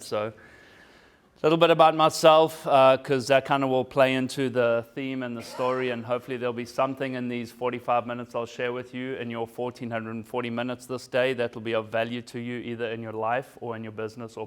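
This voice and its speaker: A man's voice: mid-range voice, little pitch movement, fairly quick, clean tone. A man in his forties from South Africa, giving a casual, self-deprecating motivational talk to a business audience. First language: German. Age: 40s. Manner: casual, self-deprecating, often asks "right?". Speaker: keynote speaker.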